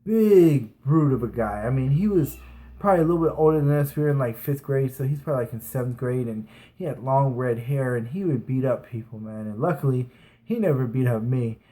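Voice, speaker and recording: This rough recording captures a vlogger in his thirties reminiscing about his school years. His voice is medium-pitched, mellow and brisk, and he rambles, restarts and leans on fillers as he tells his stories.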